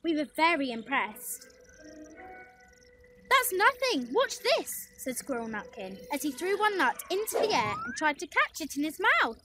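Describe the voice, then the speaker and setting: With a high voice and big pitch swings, a woman narrates a scripted children's story at normal speed with few pauses. She reads expressively to young listeners over background music, in the animated style of a storybook narrator.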